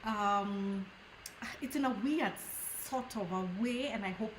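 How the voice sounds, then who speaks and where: A woman pastor hosting a casual chat, speaking earnestly and gratefully with frequent pauses and fillers. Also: mid-range voice, a little hiss or hum. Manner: earnest, thankful, hesitant with fillers. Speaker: pastor and host. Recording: echoey room.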